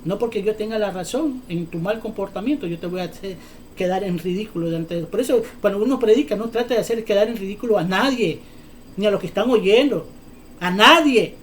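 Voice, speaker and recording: A male preacher delivers a sermon in a high, ringing voice. He talks fervently and often breaks into shouting. He drives his points home with rhetorical questions. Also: fairly quick, a little hiss or hum.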